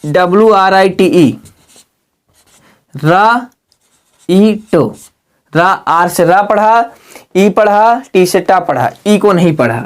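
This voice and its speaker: A man teaching English reading rules in a lesson video. He asks his students rhetorical questions and spells words out slowly, letter by letter. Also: sits high, expressive. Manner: keeps asking the class rhetorical questions.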